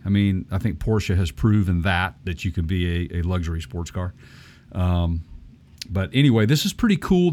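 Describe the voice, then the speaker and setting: A man's voice: lowish voice, a little mellow. A man co-hosting a casual chat show, easygoing and agreeable, often restarting his sentences. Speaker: podcast co-host.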